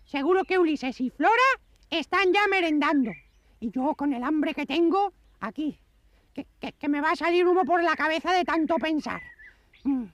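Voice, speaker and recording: A woman with a Spain accent voicing an eager, bossy little male monkey puppet with a stammering, excitable manner. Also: high voice, moderate pace, lightly acted. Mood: grumbling, preoccupied. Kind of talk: children's puppet show.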